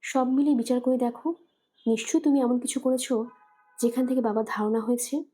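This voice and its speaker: A woman's voice: fairly high pitch, steady tone, brisk, warm tone, slightly rough. A woman voicing a young daughter who reasons patiently with her angry mother. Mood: reasoning. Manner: patient, pleading.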